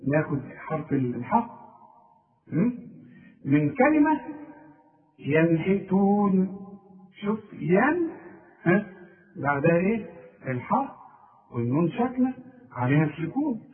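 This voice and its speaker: A man with an Egyptian Arabic accent teaching a tajweed lesson, drilling each example and chanting it slowly. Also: a little high. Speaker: Quran recitation teacher. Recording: tinny lo-fi recording from far off.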